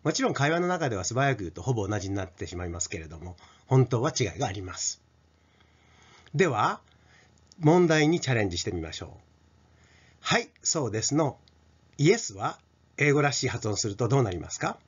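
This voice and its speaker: A middle-aged man teaching pronunciation to children, stretching out each sound slowly as he demonstrates it, on a dull lo-fi recording. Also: medium pitch, big pitch swings, slightly rough. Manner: slow, drawn-out sound demonstrations. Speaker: English teacher.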